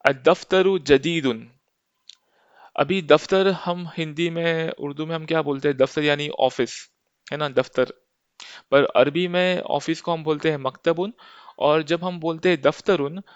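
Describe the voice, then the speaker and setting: Patient male Arabic teacher, smooth voice. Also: fairly high pitch, steady tone, moderate pace, dry recording, muffled recording. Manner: patient, checks in with listeners often. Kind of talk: slow step-by-step lesson.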